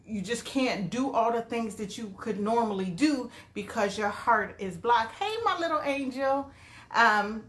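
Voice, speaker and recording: A woman's voice: mid-range voice, fairly bright tone, echoey room. A woman life coach giving a casual live-streamed motivational talk, greeting viewers by name as she goes.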